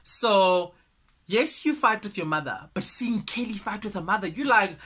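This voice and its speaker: South African male host, bright forceful voice, gossipy news chat. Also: sits high, normal speed, slightly rough. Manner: chatty, animated, gossipy asides. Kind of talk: casual celebrity news commentary.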